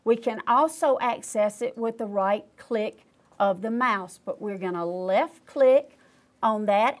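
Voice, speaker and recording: An older woman demonstrating quilting step by step, patiently explaining each click aloud in a studio. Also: a little high. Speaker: quilting instructor.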